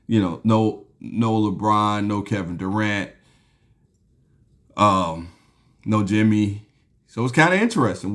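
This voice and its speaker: Laid-back man rambling about basketball. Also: on the low side. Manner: relaxed, rambling, with frequent ums and restarts; sipping a beer while talking. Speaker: basketball podcast host. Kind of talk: casual solo sports talk.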